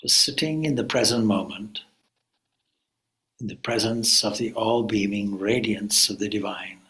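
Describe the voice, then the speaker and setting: Speaking at a fairly low pitch, a man guides listeners through a meditation as a spiritual teacher. He keeps a calm, deliberate rhythm of short phrases and pauses, and the recording quality is low.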